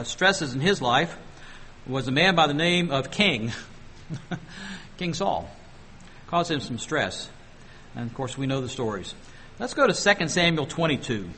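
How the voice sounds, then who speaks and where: A man preaching a sermon, asking the congregation questions and slowing down to read scripture aloud. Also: on the high side, bright, forceful tone, slight background noise. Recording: long hall reverb.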